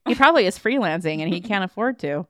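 Smooth-voiced woman recapping a movie. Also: mid-range voice, expressive, quick pace, no room sound, studio quality. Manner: wry, sarcastic asides between plot summary. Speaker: podcast co-host. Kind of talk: casual movie recap chat.

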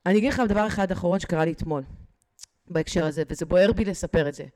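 A woman as a podcast guest expert, telling animated stories and acting out the people she quotes while speaking directly to the host. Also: fairly low pitch. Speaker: guest expert on digital habits. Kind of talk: podcast interview, animated storytelling.

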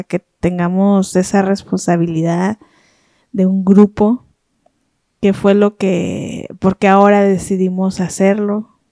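A woman's voice: medium pitch, dark tone, no room sound. A woman hosting a podcast and asking questions in a casual, chatty way. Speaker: podcast host and interviewer. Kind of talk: casual chat.

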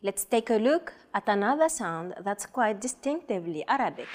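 A woman's voice: medium pitch, big pitch swings, moderate pace. A woman co-hosting a language lesson, carefully modelling example words in scripted narration.

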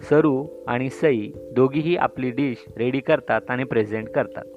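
A man narrating a story in a slow, measured reading. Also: medium pitch. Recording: dull lo-fi sound with faint music.

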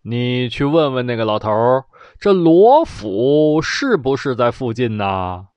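Storyteller doing jovial emperor, raised voice, lively swings, dry. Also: male voice, medium pitch, a little slow, dry recording, lightly acted. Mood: commanding. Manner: loud, raised and playful. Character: commanding middle-aged male emperor, jovial.

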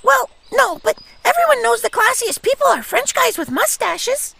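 A woman voicing an eager, bossy small animal who schemes with his friends, in a very high, gravelly voice. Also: sing-song, normal speed, bright, forceful tone, dry recording, heavily acted. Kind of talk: cartoon voice acting.

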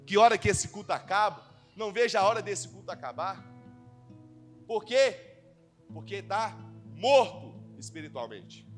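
A male youth pastor preaching a sermon to young people, swinging from loud to hushed. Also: high voice, lively intonation, a little slow, long pauses, soft background music. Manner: preaching with sweeping swings in volume.

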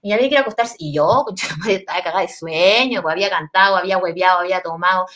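A young woman with a Chilean Spanish accent, telling a story in a casual, animated way, with lots of slang and swearing. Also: on the low side, very fast.

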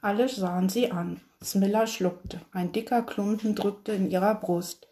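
A woman reading a children's story aloud in a gentle storytelling manner. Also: medium pitch, steady tone, measured pace. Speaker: narrator.

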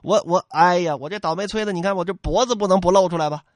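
A man's voice: sits high, fast, no echo, clean studio sound, lightly acted. A man voicing a flustered, henpecked fellow who stammers and pleads.

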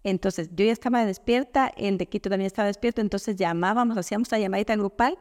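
Mujer ecuatoriana contando anécdotas muy animada, sala con eco largo. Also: female voice, mid-range voice, fast, big-room sound. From Ecuador. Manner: animated storyteller, quotes others in dialogue. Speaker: guest. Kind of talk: casual conversational interview.

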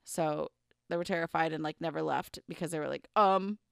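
Low-pitched and steady, a little fast, her voice gravelly yet smooth, a young woman co-hosting a podcast rambles through a true crime account with lots of "like" and "um" fillers. Sound is dry and clean, studio-grade.

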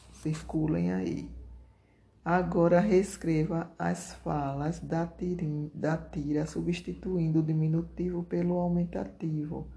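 A primary school teacher going over homework answers, dictating them slowly, spelling out the punctuation and repeating each answer word. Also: medium pitch, gravelly, dark tone.

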